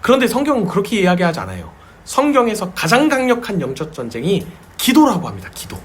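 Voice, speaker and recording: A man's voice: high-pitched, wildly swooping pitch, quick pace. A man preaching a sermon as a pastor at a small home church, telling stories with vivid sound words and acted cries.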